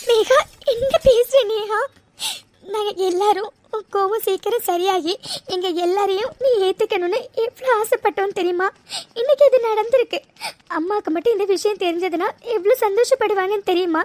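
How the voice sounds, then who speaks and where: Brief: gentle comforting girlfriend in a cartoon, as a woman puts her on, very high and dry-sounding. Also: a little fast, no room sound. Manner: soothing, pleading. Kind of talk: cartoon voice acting.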